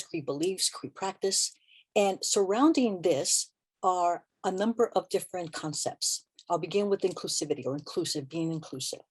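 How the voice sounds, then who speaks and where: A woman evaluator giving a webinar presentation in a measured way, pausing often with ums and asides. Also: lowish voice, a little mellow.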